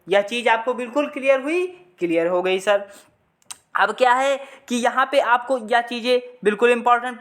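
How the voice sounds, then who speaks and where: High-pitched woman drilling exam lessons. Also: fairly bright tone. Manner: repetitive question-and-answer drilling. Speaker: exam prep teacher. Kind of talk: classroom lesson.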